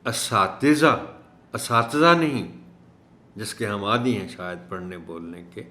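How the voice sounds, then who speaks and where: A man teaching an Urdu lesson for teachers, speaking in a measured way and slowing down to stress each word he corrects. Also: low-pitched, pushed and bright. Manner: measured, stresses words slowly when correcting pronunciation. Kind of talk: instructional video lesson. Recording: echoey room.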